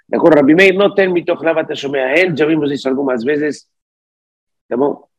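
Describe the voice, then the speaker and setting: A man's voice: on the high side, fairly quick, dull audio. A man teaching a study lesson. He reads phrases aloud, then explains them, and slips Portuguese words into his talk. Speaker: Talmud teacher.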